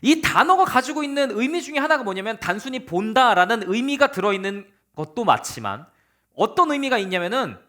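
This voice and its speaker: A young man, a youth pastor, giving a casual, animated sermon to teenagers and acting out the psalmist's words. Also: very high-pitched, a little fast. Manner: talks to teens informally, calls them kids.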